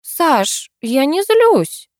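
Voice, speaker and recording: A woman reading an audiobook, voicing a sweetly scheming young woman who speaks in a bright, coaxing, sugary way. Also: high-pitched, very animated, drawn-out words, dry recording, studio quality, voice pushed up, full character voice.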